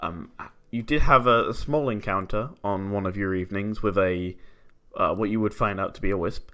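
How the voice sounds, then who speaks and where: Bright-voiced man running a tabletop game. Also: lowish voice, normal speed. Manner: chatty, laughs easily. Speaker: game master.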